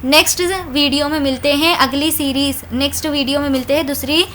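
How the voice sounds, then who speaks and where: High bright-voiced woman teaching recitation. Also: fairly even intonation, slight background noise. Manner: patient, explains rules then recites slowly. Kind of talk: tajweed lesson with slow recitation.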